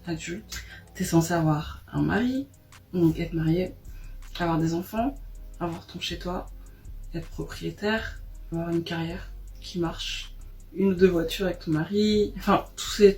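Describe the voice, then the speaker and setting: Woman, about 30, gravelly, hesitant confession, echoey room, faint music. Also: on the low side, unhurried, a little mellow. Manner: hesitant, many fillers, frustrated. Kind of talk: personal confession to camera. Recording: roomy echo with faint music.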